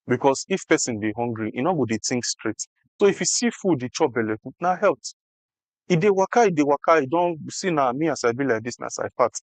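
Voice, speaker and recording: A man's voice: medium pitch, animated, fairly quick, no echo, low-quality recording. A Nigerian man explaining things conversationally in Nigerian Pidgin, emphatic and repeating phrases for effect. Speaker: interview guest explaining health insurance.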